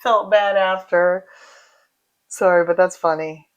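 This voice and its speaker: A woman's voice: fairly low pitch, steady tone, takes it slowly, smooth. A woman in her forties hosting a casual livestream, reading out viewer comments and chatting in a rambling way, drifting off into asides. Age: 40s.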